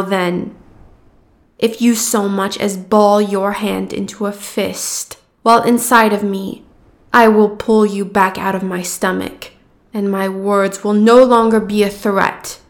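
A woman voicing a cruel, gloating giant goddess who speaks in slow, taunting threats. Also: medium pitch. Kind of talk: fantasy audio roleplay.

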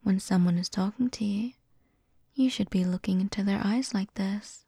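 A woman playing a doting, dominant young student in love, in an ASMR role-play, speaking softly and teasingly right into the listener's ear. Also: medium pitch, moderate pace, husky, no room sound. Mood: adoring, commanding. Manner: soft, close-up soft-spoken right into the listener's ear. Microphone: very close, dry.

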